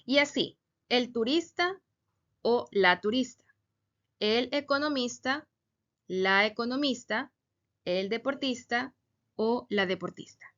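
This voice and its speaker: Woman teacher giving a slow, careful grammar lesson; bright, slightly high voice on a dull, lo-fi recording. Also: animated. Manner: slow, deliberate, stresses example words. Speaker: Spanish teacher.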